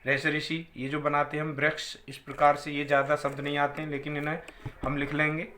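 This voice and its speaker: Male Hindi teacher with a slightly high voice, patient and repetitive, recorded in an echoey room. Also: monotone, bright, forceful tone, slight background noise. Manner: slow, drawn-out vowel demonstrations, repeating sounds. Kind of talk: classroom grammar lesson.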